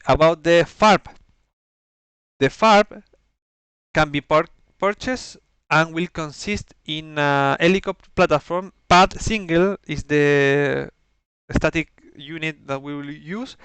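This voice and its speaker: A man with a non-native English accent giving an explanatory game briefing in a halting, methodical way, searching for words. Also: a little high, fairly bright tone, clean tone, no echo. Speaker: organizer briefing players on campaign rules.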